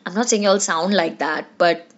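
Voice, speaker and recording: A young woman from India hosting a solo podcast, talking in a chatty, confiding way with lots of fillers, her voice raspy from a cold. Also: lowish voice, fairly quick. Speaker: podcast host. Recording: dull lo-fi sound.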